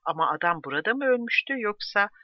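A man narrating a true crime story with a measured, steady delivery. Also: sits high, no room sound. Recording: dull dry close recording.

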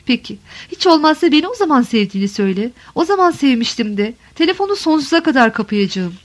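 A desperate middle-aged wife pours out her longing in a high, tender voice, read by a woman. She pleads and insists with deep emotion, as in an audiobook of a literary novel. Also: sing-song, quick pace. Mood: pleading. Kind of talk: audiobook reading.

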